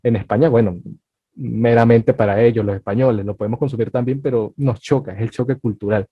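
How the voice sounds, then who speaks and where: A man hosting a casual podcast interview who talks in a loose, conversational way, full of fillers and lively asides. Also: mid-range voice, fairly quick, slightly rough, dry recording. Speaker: podcast host. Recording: dull, dry, slightly lo-fi.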